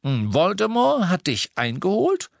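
Guy reading as a stern wizard, sharp and clipped, pushed higher and louder. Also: big pitch swings, moderate pace, no echo, heavily acted. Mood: urgent, stern. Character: grim tense grown wizard, clipped and urgent.

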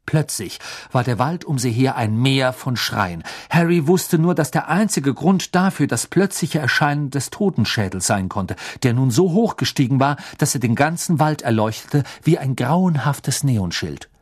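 An audiobook reader narrating a fantasy novel in a dramatic, expressive way. The voice has a husky grain and a lively, wide-ranging melody. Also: mid-range voice, moderate pace, few pauses.

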